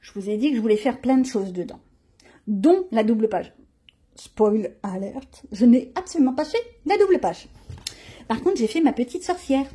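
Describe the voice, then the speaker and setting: A woman's voice: a little high, expressive, brisk, dark tone, breathy edge. A woman hosting a coloring channel, chatting casually and showing her pages, grumbling and poking fun at herself. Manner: chatty, grumbling and self-mocking.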